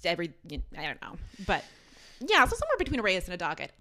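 Woman, from Queens, bright tone, smooth clear voice, casual podcast co-host, wry banter. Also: fairly low pitch, wildly swooping pitch, fast. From Queens, New York. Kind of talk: casual chat.

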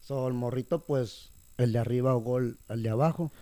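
A man's voice: medium pitch, fairly quick, a crowd in the background. A young man, telling a story in a casual chat and mixing English words into his slang. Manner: animated, mixes English words into Spanish slang.

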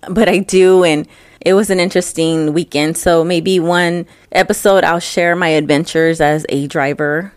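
A young woman rambles loosely on her own solo podcast, her nose stuffed up from allergies. Her voice is lowish, and the recording is dry. She's close on the mic, so her breathing comes through.

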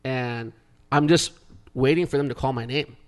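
A podcast co-host from Canada, a man in his forties, spins a rambling, profanity-filled story with frequent restarts. He speaks at a normal speed in a mid-range voice, keeping the storytelling casual.

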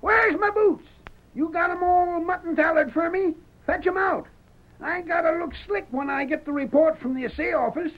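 An actor playing a weather-beaten old prospector who is eager and stubborn, with a folksy frontier drawl and 1930s radio acting on a muffled old recording. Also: male voice, very high voice, normal speed. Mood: excited. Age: older.

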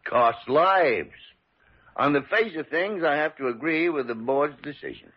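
A gruff senior American doctor in an old radio play. He is wry and sardonic, with lively swooping intonation, on a muffled vintage recording. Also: on the high side, a little slow. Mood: stern. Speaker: actor in a radio drama. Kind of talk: classic American radio drama acting.

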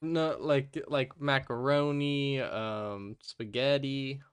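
A man hosting a casual gaming podcast, talking in a rambling, halting way with his speech muffled by gauze in his mouth. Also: mid-range voice, fairly even intonation, clean tone. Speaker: podcast host.

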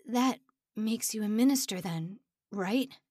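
A woman's voice: mid-range voice, takes it slowly, a little mellow, breathy edge, dry recording, studio quality. Give me a woman playing an exhausted, frail young man, earnest and strained.

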